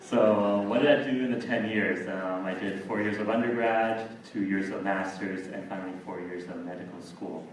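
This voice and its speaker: A man from Taiwan introducing himself on a seminar panel, halting with many fillers. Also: on the low side, steady tone. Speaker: panel speaker. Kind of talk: seminar talk. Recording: echoey room, far from mic, faint noise.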